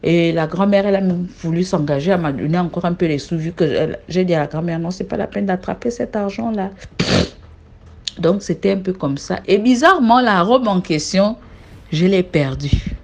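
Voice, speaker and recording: A young woman with a Cameroonian French accent telling a personal story in casual spoken style, animated, with frequent restarts and sudden high exclamations. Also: fairly quick.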